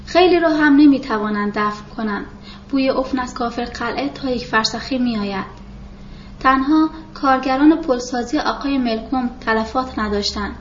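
Woman, audiobook narration, steady measured reading, fairly high voice, dull lo-fi roomy recording. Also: slight background noise. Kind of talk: reading a novel aloud.

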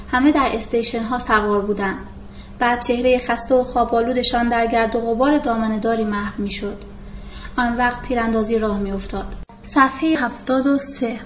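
Woman, audiobook narration, steady measured reading, fairly high voice, dull lo-fi roomy recording. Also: a little hiss or hum. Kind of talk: reading a novel aloud.

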